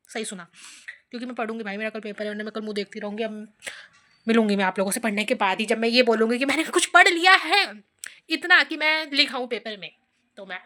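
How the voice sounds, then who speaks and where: A young woman with a high, bright voice talks, rambling and full of dramatic complaints as she vlogs from her kitchen. She speaks into a phone camera, and a faint room hum sits behind her. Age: young adult. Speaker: vlogger. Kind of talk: casual vlog chat. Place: home kitchen.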